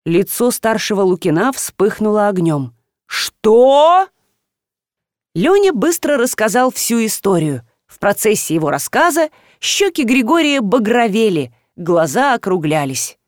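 A woman narrating an audiobook in an expressive, lively reading voice. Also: medium pitch, moderate pace, few pauses, dry recording, studio quality.

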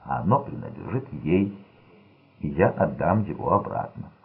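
A man voicing an unstable young gangster son who speaks in a slow, sulky, menacing way. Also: very deep voice, big pitch swings, gravelly, breathy edge, heavily acted. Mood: sullen. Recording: tinny lo-fi narrow-band audio.

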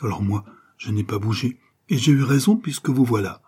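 A man reading an audiobook, voicing a voluble, kindly older woman who runs a boarding house, gushing and effusive with breathy asides. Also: medium pitch, a little fast, a little mellow, pitched above the performer's own voice. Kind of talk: audiobook character voice.

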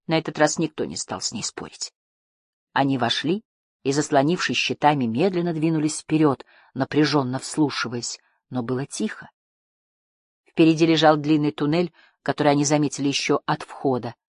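Woman narrator, low voice, husky, calm audiobook reading, dry close sound. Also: normal speed, no echo.

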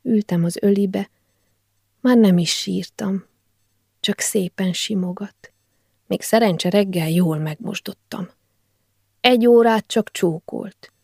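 A woman reading a first-person literary novel aloud as an audiobook. She speaks quietly and confidingly, and at times drops to a near whisper. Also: medium pitch, vocal fry, long pauses, breathy edge, no room sound, clean studio sound. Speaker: audiobook narrator.

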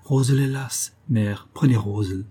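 A man reading an audiobook, voicing a dying young woman who speaks faintly and slowly, like a child. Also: medium pitch, warm tone, husky. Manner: faint, sighing, slow.

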